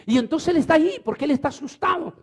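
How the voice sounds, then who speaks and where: A man's voice: very high voice, animated, quick pace. A man preaching a storytelling sermon, fervent and repeating phrases for emphasis.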